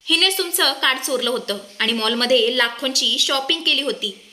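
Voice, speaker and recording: A firm police inspector laying out an accusation, read by a woman narrator. The voice stays high and bright, in a plain read-aloud delivery. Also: moderate pace, roomy sound. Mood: accusing.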